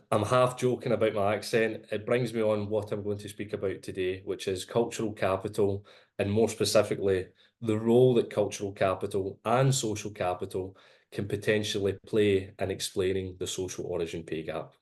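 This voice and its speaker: In what sounds like a video call, a researcher from Glasgow walks through his findings for an academic seminar. He has a strong Glaswegian accent and a fairly low voice, and he lays out each point in a steady, measured way.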